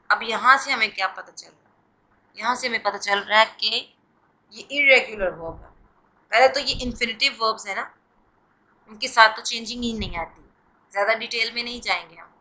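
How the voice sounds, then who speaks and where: A woman's voice: on the high side, bright, forceful tone, poor audio. A woman giving a patient, step-by-step grammar lesson, often checking in with her listeners. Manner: patient, explains step by step with repeated check-ins. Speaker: English grammar teacher. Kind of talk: classroom-style grammar lesson.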